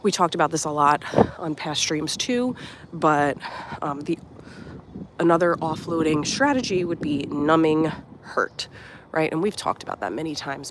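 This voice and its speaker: Her voice is deep, animated, and unhurried as this young life coach and channel host addresses live-stream viewers while strolling around a resort at sunrise. A cold leaves her a touch nasal, a faint outdoor hum sits in the background, and she sounds warm, earnest, and reflective, drifting through many "um"s and "like"s.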